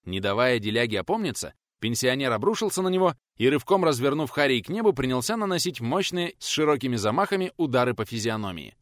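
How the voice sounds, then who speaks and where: A male narrator reads an audiobook with an expressive storytelling manner. His pitch moves in a lively, animated way. The recording is close and dry. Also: fast talker, no echo.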